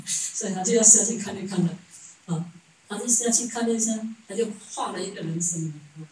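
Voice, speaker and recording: A woman's voice: mid-range voice, moderate pace, mellow, slight background noise. A woman giving a Buddhist sermon as a story, chuckling often and asking rhetorical questions. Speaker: Buddhist dharma teacher. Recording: echoey room, distant mic.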